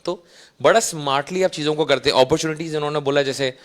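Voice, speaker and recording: A man's voice: fairly high pitch, fast. A man with a Pakistani Urdu accent, giving a casual, anecdotal talk to students and often checking 'right?'. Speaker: invited speaker.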